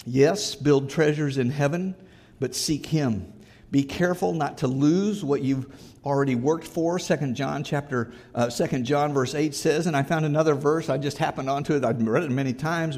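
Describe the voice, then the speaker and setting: A man's voice: fairly high pitch, a little mellow. A male pastor preaching a sermon, earnest and emphatic, repeating his exhortations.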